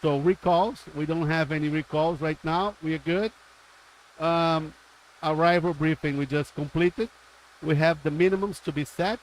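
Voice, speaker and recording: A man's voice: fairly high pitch, steady tone, normal speed, a little hiss or hum, low-quality recording. A man working as a simulator pilot instructor, methodically talking through an approach briefing step by step on a live stream.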